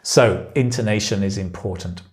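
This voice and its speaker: A man teaching a spoken lesson, saying example phrases slowly and clearly. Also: lowish voice, darkish tone. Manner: slow, clear delivery that models example phrases. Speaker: English speaking-exam teacher.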